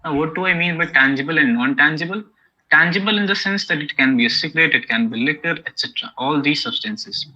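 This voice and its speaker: On a dull lo-fi recording, a man with an Indian English accent lectures academically, breaking things down step by step with frequent "okay?" and "you know." His slightly high voice is fast, pushed and bright.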